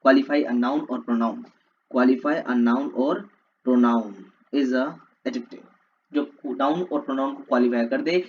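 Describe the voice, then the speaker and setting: Guy teaching exam prep, makes you repeat every word after him, kinda high voice, dull audio. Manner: repetitive call-and-response drilling. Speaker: English teacher. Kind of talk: classroom lecture for exam prep. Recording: slightly dull lo-fi audio with faint hiss.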